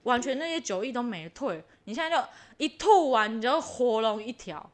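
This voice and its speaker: A young woman with a Taiwanese Mandarin accent chats on a podcast in a high, bouncy voice that swoops widely. She laughs often and acts out the voices of the people she quotes. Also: expressive, moderate pace. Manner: laughs often while telling stories, mimics quoted voices animatedly. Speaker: podcast co-host. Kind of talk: casual chat.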